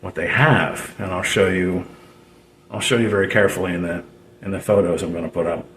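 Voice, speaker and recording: In an echoey room with noticeable background noise, a low-voiced DIY radio hobbyist gives an unscripted how-to demonstration. His tone is steady and fairly bright, though his explanation is halting, rambling, and repetitive.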